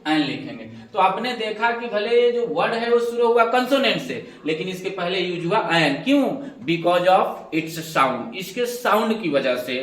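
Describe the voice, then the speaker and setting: A man's voice: high voice, a bit bright. A man teaching an English grammar lesson step by step, asking questions and answering them himself, calling his students "babu". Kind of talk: classroom lesson explanation. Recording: echoey room, voice from a distance.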